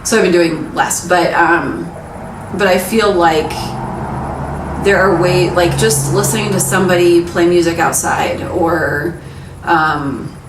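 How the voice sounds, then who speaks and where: A young adult woman, working as a tarot reader, gives a casual pick-a-card reading in a frank, encouraging, chatty manner, her voice low-ish and slow. The recording has room echo, a distant mic and background noise.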